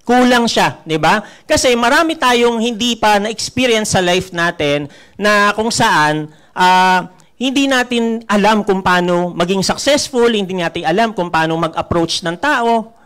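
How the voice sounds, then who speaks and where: A man with a Filipino accent, a network marketing mentor giving a lively seminar talk, teasing the crowd and asking it questions. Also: high-pitched, a little slow. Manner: animated, teasing, keeps asking the room "di ba?". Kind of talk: live seminar talk to an audience. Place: seminar room with a live audience.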